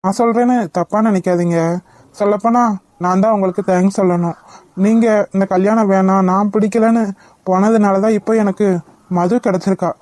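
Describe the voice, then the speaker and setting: A woman voicing a gentle young village husband in a cartoon, polite, apologetic and reassuring. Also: mid-range voice, fairly even intonation, fairly quick, dry recording, natural voice. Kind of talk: cartoon voice acting.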